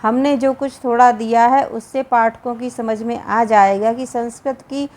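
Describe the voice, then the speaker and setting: A woman with a Hindi accent, reading and explaining a Sanskrit grammar lesson slowly and deliberately, drawing out each sound. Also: a little high, steady tone, darkish tone. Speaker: Sanskrit teacher.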